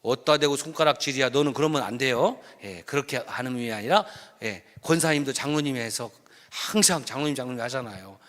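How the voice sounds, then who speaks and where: A man's voice: medium pitch, brisk, a bit bright. A man preaching as senior pastor at a Friday service, playful and joking with the congregation as he leads them in reading aloud. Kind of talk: sermon at a Friday worship service. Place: church sanctuary. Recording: long reverb of a church hall.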